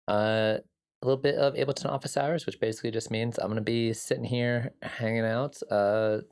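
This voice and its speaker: A man with a mid-range, gravelly, somewhat dark voice that's a little scratchy hosts a laid-back music production livestream. He rambles easily, packs in plenty of fillers, and greets chat viewers by name while answering their messages.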